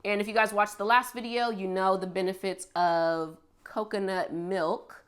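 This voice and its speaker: A young beauty vlogger, congested from a cold, chats casually through her hair-care routine at home in a steady, medium-pitched voice at a moderate pace. She's upbeat and chatty, walking through each step.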